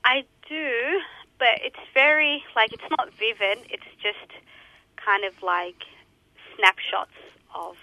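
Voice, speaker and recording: A woman's voice: a little high, animated, slow, sharp tone, dry recording, rough recording. A woman in her thirties from Somalia, a radio interview guest speaking thoughtfully and with some hesitation. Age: 30s. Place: radio studio.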